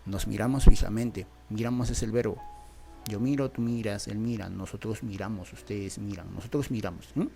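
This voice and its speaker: Low gravelly male grammar teacher. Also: moderate pace, dark tone, faint music behind. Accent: Peruvian Spanish. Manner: patient, repeats points and asks "¿ves?". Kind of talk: grammar lesson.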